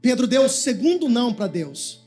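High-voiced preaching pastor. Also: male voice, big pitch swings, moderate pace, a little mellow, faint music behind. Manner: preaching with call-and-response commands to the congregation. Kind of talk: sermon. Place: church.

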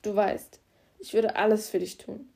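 A driven male police officer, firm and commanding yet caring, read by a woman in an audiobook. Her voice stays mellow and mid-pitched, just somewhat louder for his lines. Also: flat delivery, moderate pace, vocal fry, lightly acted. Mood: reassuring.

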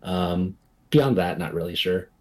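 A man's voice: low voice, expressive, measured pace, a little mellow. A man guesting in a casual chat, thinking aloud hesitantly while guessing sounds.

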